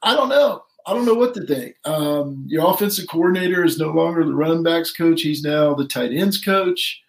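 Man, middle-aged, fairly high voice, rambling casual sports talk, roomy echo. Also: animated, moderate pace, gravelly. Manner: rambling, self-correcting. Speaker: podcast co-host.

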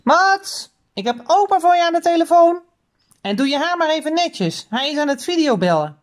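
A woman's voice: medium pitch, lively intonation, moderate pace, darkish tone, close to an everyday voice. A woman voicing a mother in a children's story who teases and scolds her family. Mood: calling. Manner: teasing then stern. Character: teasing mother, stern when needed.

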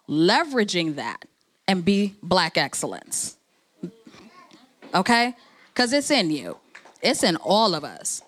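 A woman from New Jersey, USA, who is president of an organization, gives a conversational and encouraging speech at a networking event. Her mid-range voice is a bit bright.

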